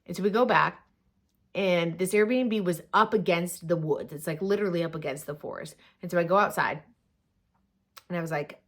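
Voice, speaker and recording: Chatty woman with a lowish voice. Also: moderate pace. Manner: chatty and animated, many fillers and asides. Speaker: vlogger telling a personal story. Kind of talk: casual storytelling.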